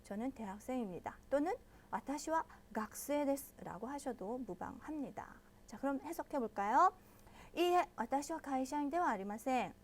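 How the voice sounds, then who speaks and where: Brief: bright high-pitched female teacher, patient, walks learners through each point. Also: lively intonation, slight background noise. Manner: patient, explains step by step and checks in with listeners often; models pronunciation slowly and loudly. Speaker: Japanese language teacher. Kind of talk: online language lesson.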